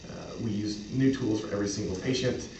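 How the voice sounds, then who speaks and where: A man improvising a sales pitch as a representative, speaking in an earnest, accommodating and halting way. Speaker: clinic representative in an improvised role-play. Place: echoey room, mic at a distance. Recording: roomy, distant mic, faint noise.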